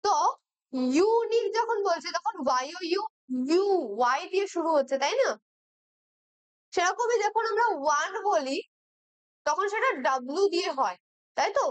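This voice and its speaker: A woman's voice: very high voice, animated, normal speed, long pauses, dry recording. A young woman with a Bengali accent who teaches English grammar for exam preparation and keeps checking in with her students as she explains each question. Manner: patient, checks in with "right?" often.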